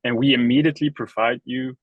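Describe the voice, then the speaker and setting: A man's voice: mid-range voice, steady tone, fast, dry recording, narrow, tinny audio. A young man from Belgium, a company co-founder, giving a webinar presentation in a casual way with many fillers and restarts.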